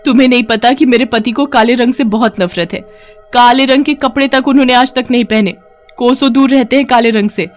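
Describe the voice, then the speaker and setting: A sharp-tongued young cartoon wife, voiced by a woman, scolding and complaining in a raised, high voice. She sounds poor and fed up. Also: steady tone, moderate pace, few pauses, faint music behind, lightly acted. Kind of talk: cartoon voice acting.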